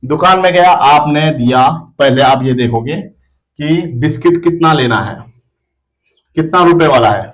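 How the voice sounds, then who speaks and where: A man's voice: fairly high pitch, a little slow, poor audio. A man with an Indian accent teaching a maths lesson to children in a playful way, often repeating himself. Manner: playful, addresses children warmly, repeats phrases.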